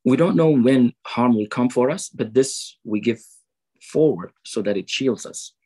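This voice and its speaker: A man giving a fundraising sermon over a video call. He quotes Arabic sayings, then translates and explains them slowly. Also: mid-range voice, lively intonation, a little mellow, husky, low-quality recording. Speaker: preacher at a fundraiser.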